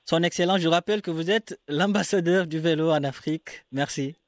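Male radio host, formal measured questioning, bright higher voice. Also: no room sound. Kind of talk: interview hosting.

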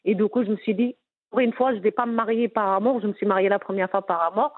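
A woman's voice: medium pitch, fairly even intonation, quick pace. A middle-aged woman with a Moroccan accent, telling her life story in an interview, earnest and emphatic with many restarts. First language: Moroccan Arabic. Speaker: interviewee, businesswoman. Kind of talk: candid personal interview. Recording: phone-like narrow band.

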